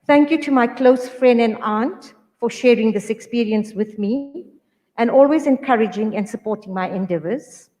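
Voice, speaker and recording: A woman author reading a prepared speech at a book launch, earnest and measured. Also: on the high side, mellow. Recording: reverberant hall.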